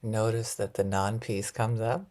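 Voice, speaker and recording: A woman teaching a loving-kindness meditation in a soft, often half-whispered, gentle and reflective way, with light laughs at herself. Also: a bass voice, level tone, unhurried.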